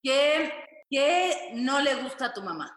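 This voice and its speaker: A woman co-host teases and questions the children playfully. Her voice is bright and fairly high, and the room echoes around it. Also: very animated, takes it slowly. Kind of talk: casual TV chat.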